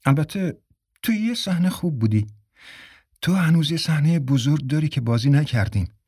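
A woman's voice: low-pitched, expressive, dark tone, slightly rough, dry recording, studio quality, pitched above the performer's own voice. A man doing a playful young actress. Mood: teasing. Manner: light, teasing.

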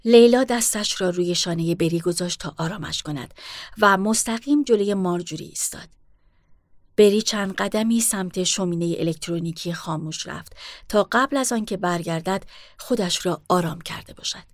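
A woman reading a novel aloud in a measured, even way. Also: on the low side, no echo, clean studio sound. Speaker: audiobook narrator. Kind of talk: scripted narration.

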